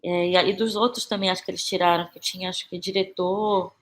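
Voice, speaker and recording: Her voice lowish and fairly flat in pitch, this Brazilian woman replies briskly as a guest on a podcast. An actress and playwright, she talks informally and reflectively, frequently checking for agreement with tag questions.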